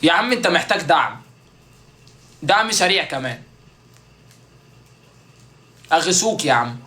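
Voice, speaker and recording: Quick, joking Egyptian man. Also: on the high side, sing-song, bright, forceful tone. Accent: Egyptian Arabic. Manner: joking, playful, mimics street vendors. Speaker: content creator. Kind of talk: comic casual monologue.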